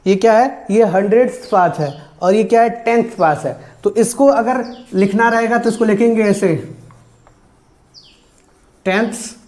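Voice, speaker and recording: A man's voice: sits high, a little slow, darkish tone. A man teaching a math lesson, asking questions and answering them himself and stressing each number, with English math terms mixed into his Hindi.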